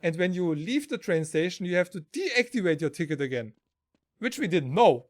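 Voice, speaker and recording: A man's voice: high-pitched, very animated, normal speed. A German man from southern Germany hosting a casual stream, telling rambling anecdotes and laughing often. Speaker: stream host.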